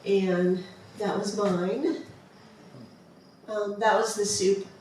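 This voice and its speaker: A woman's voice: mid-range voice, little pitch movement, extremely slow, a little mellow, a little hiss or hum. Chatty woman in a very echoey room. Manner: chatty, enthusiastic, many ums and restarts. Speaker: presenter of a travel slideshow. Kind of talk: casual slideshow talk. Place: museum presentation room. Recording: far-off mic in a very echoey room.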